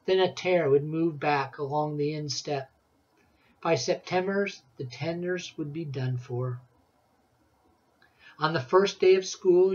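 A parent reading a humorous story aloud to their children, expressive and acting out the shouts and dialogue. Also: medium pitch, lo-fi sound.

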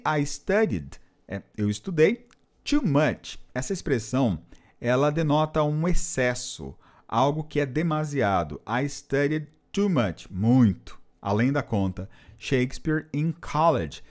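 Lively man teaching English. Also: medium pitch. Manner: patient, repeats and translates phrases. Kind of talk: explanatory language lesson.

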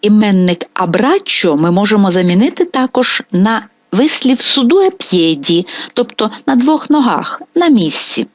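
A woman teaching Italian vocabulary and grammar in a scripted lesson, saying each example phrase slowly and carefully. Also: medium pitch, animated, no room sound. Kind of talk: scripted language lesson narration.

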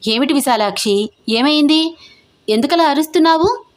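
A woman's voice: high voice, normal speed, pitched above the performer's own voice, natural voice. A woman voicing a protective middle-aged mother who is upset and questioning in an audio story. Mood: alarmed.

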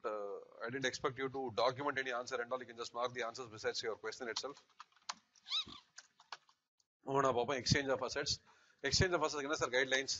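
A middle-aged man with a Tamil South Indian accent teaches in a fast, sharp voice. He dictates notes and keeps tossing short check questions to his students. The recording is a little muffled, with faint noise and keyboard clicks. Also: medium pitch, fairly even intonation. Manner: asks the class frequent short check questions. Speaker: accountancy lecturer. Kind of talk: classroom lecture, dictating notes.

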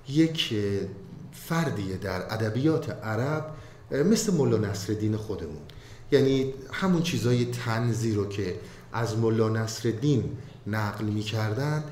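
A man giving a spoken commentary on classical poetry, reciting verses in a slow chanted way between casual explanations. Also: on the low side, a little mellow. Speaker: Masnavi commentator. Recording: echoey room with faint ambient noise.

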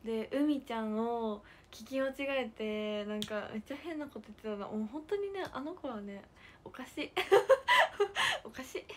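A young woman with a hosting a casual livestream. She chats and giggles, reads out fan comments, and drops to soft near-whispers to thank viewers. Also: fairly high pitch, moderate pace, a little hiss or hum. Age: young adult. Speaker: idol livestream host.

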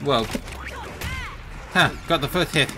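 A gaming channel host with a fairly high male voice takes his time narrating a fighting game he is playing, knocking himself and exclaiming in surprise throughout. The background is noisy, with game music audible behind him.

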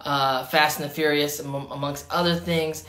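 A man hosts a casual film club chat in an upbeat, hyped way, firing off shout-outs and cutting in over his co-host. His voice rings in a roomy, echoey space. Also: on the high side, level tone, moderate pace. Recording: roomy echo.

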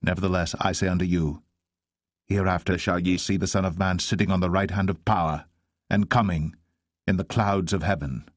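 A man voicing a grave, authoritative teacher in a solemn, measured, exhorting manner. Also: low-pitched, fairly even intonation, no room sound, clean studio sound. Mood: grave, calm.

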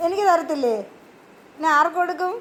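A woman working as a preschool teacher who talks with small children in a sing-song way, asking them questions and gently scolding them. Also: very high voice, fast, background noise. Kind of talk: coaxing talk with small children. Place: preschool classroom.

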